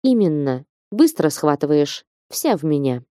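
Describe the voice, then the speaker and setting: A gruff, bearded dwarf father with a low, bass-leaning voice and curt, blunt phrasing, as a woman reads him in a storybook. The sound is dry and close, with a mellow, dark tone. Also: sing-song, measured pace, no room sound. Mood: stubborn. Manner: curt, matter-of-fact. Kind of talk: audiobook character voice.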